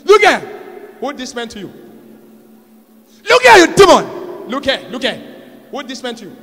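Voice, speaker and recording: A young man leading a deliverance, firing insistent repeated questions and commanding shouts into a handheld mic. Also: very high-pitched, sing-song, unhurried, breathy edge. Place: large church hall. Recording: long hall reverb, faint background noise.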